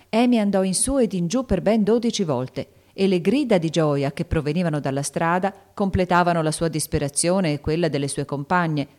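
A woman with a notably low, deep voice reads a classic novel aloud. Her narration is expressive and dramatic, leaning into tension and emotion. The delivery is scripted and storytelling-focused. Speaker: audiobook narrator.

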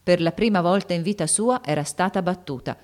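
A woman reading a classic novel aloud in an expressive, dramatic storytelling manner. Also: lowish voice, brisk. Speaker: audiobook narrator. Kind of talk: scripted narration of a classic novel.

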